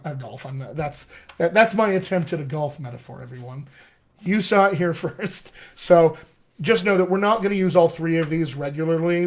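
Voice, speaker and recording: A middle-aged American dialect coach teaches a live-streamed online class, speaking with an American English accent and a fairly high voice. He's animated and friendly, often calling his viewers "my friends" and chuckling at his own asides.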